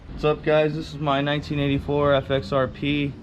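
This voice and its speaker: A man giving a casual, plain-spoken walkaround talk as a motorcycle owner, halting now and then. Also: fairly high pitch, completely flat delivery, highs cut off, slight background noise.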